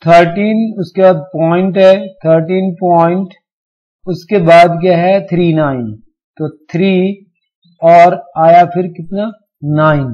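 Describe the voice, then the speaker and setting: A man teaching a math lesson, explaining slowly and step by step, repeating each number. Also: sits high, steady tone, highs cut off. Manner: slow, repetitive, step-by-step explaining.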